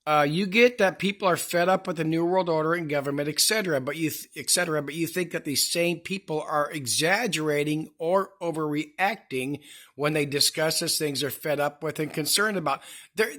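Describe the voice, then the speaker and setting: Bright-voiced angry rambling vlogger. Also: mid-range voice, normal speed. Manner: profane, angry, rambling with many restarts. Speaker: channel host. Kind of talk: rambling commentary rant. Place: house, indoors.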